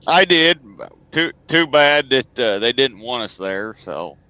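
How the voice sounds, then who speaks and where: A man's voice: mid-range voice, lively intonation, slow, pushed and bright, dull audio. A man, a truck driver, telling stories as a guest in a casual, folksy, joking way. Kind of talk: casual conversation, storytelling.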